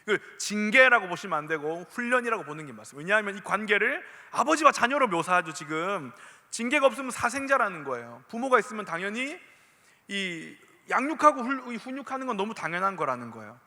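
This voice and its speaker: Male pastor with a Gyeongsang accent, animated preaching, voice swinging widely in pitch, long church-hall reverb. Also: quick pace. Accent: Gyeongsang dialect. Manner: animated, asks the listeners many questions. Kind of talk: sermon to a youth congregation.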